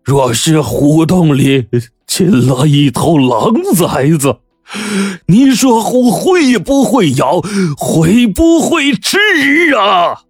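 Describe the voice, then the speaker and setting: A man voicing a bitter, grief-stricken aging rich squire whose voice cracks into high anguished cries. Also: takes it slowly, dark tone, no room sound, clean studio sound, faint music behind.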